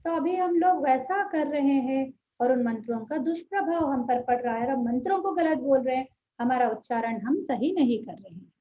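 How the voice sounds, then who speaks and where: A woman with a high voice gives an earnest online language lesson. She keeps checking in with her listeners and stretches syllables slowly to show the right pronunciation. The audio is dull and lo-fi. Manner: earnest, checks in often with "ठीक है", drawn-out pronunciation demonstrations. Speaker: Sanskrit teacher.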